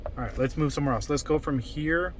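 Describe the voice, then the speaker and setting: A man's voice: fairly high pitch, fairly quick, slight background noise. A man giving casual, off-the-cuff vlog commentary as he tests a product. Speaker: product reviewer. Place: in or beside a car at a mall.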